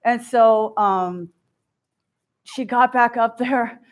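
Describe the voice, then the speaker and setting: A woman giving a keynote talk, telling a personal story in an animated way and acting out the quoted voices. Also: on the high side, extremely slow. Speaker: keynote speaker. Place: stage before an audience.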